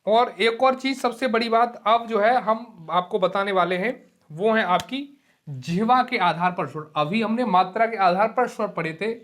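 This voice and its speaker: A man's voice: high voice, a bit bright. Casting note: male teacher in an exam-prep lecture, patient, repetitive, drags vowels out to demonstrate them. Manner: explains slowly, repeats key terms and keeps saying "ठीक है". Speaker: Hindi teacher.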